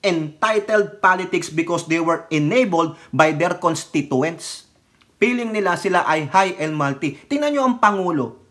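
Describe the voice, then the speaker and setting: Middle-aged pinoy commentator ranting, lots of "who are you?" style questions, sometimes drops low and quiet for a story. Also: expressive, a little slow. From Philippines. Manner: fiery, fires rhetorical questions. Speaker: political commentator. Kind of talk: casual political commentary.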